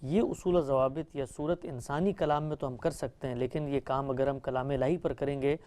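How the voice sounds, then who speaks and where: A man's voice: mid-range voice, fairly even intonation, a little mellow. A man hosting a talk show, posing questions and reading out viewer letters. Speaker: host.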